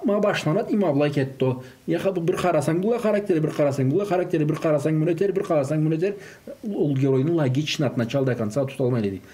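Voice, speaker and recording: A man with a fairly high, mellow voice, a native Karachay-Balkar speaker, joins an informal religious conversation about raising kids. He mixes Russian words and phrases into his speech.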